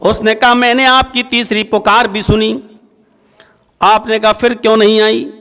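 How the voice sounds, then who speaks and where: High bright preacher guy, sermon storytelling, lots of hall echo. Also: little pitch movement, unhurried, clean tone. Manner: storytelling, acts out dialogue with rising and falling pitch. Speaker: Islamic preacher.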